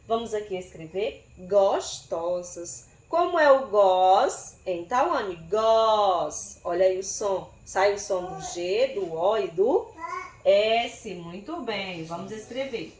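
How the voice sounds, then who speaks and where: Slow, patient Brazilian woman teacher. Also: medium pitch, lively intonation, a little mellow. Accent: Brazilian Portuguese. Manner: slow, syllable-by-syllable spelling with questions to pupils by name. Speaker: primary school teacher. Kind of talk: recorded remote writing lesson for young children. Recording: echoey room.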